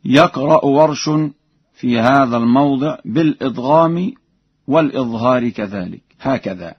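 A man teaching Quranic reading variants on radio, explaining methodically and demonstrating verses in slow recitation. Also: medium pitch, husky, no echo. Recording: dull dry radio studio recording.

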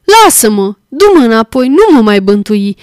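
A shaken old miser begging to be taken away , as a woman reads him in a slightly high, dry voice. He speaks loud and pleading, close to the mic. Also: very animated, no echo.

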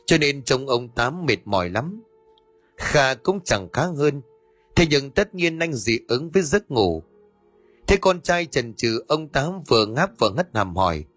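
A man narrating a story as an audiobook reader, steady and even. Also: medium pitch, breathy edge, no room sound.

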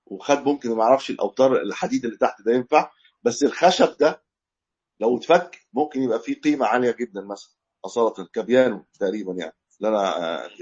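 Fast-talking Egyptian man giving a lesson. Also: mid-range voice, husky. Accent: Egyptian Arabic. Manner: explanatory, conversational, self-correcting. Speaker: religious teacher. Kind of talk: live class lecture with questions. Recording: dull lo-fi recording.

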